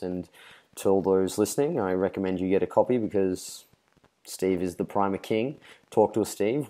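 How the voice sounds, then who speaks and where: A man's voice: low voice, mellow. A man hosting a casual podcast interview, upbeat, teasing and chatty. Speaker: podcast host.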